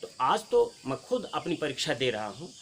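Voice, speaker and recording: A man's voice: on the high side, very animated, moderate pace, creaky, a bit bright, slight background noise. A man giving a spoken spelling lesson outdoors, explaining step by step and addressing viewers as friends. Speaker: Hindi teacher. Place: outdoors in nature.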